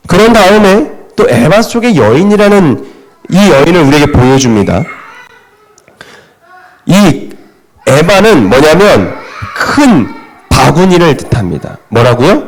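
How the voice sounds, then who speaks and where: A middle-aged man preaching a Sunday sermon in a church. His voice sits a little high and swings widely in pitch. He keeps asking the congregation questions and answering them himself. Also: slight background noise. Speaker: pastor. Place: church sanctuary.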